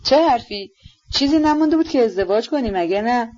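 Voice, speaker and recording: A woman's voice: medium pitch, expressive, darkish tone, close to an everyday voice. A woman doing a bossy older noble lady, snappy and scolding, audiobook voice, bit dull sound. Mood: fierce. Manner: scolding, demanding, blunt. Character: imperious older noblewoman, sharp-tongued and fierce. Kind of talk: audiobook reading.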